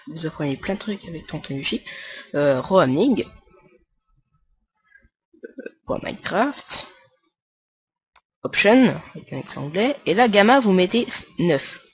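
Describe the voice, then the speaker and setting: Rambling man giving a casual game tutorial. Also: on the high side. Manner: rambling, with many fillers and stumbles; chatty and jokey with viewers. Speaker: tutorial maker.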